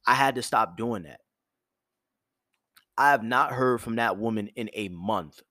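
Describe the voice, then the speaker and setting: A man hosting his own show, giving blunt, profane dating advice in a firm yet soft tone, with features. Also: on the low side, a little slow, no room sound, clean studio sound. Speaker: host. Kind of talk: direct advice monologue.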